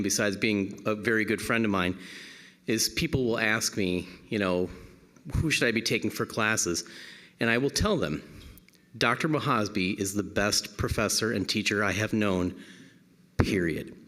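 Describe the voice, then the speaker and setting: A man's voice: lowish voice, normal speed, bright, forceful tone. Man, event host, friendly admiring remarks, long hall reverb. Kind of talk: emcee remarks.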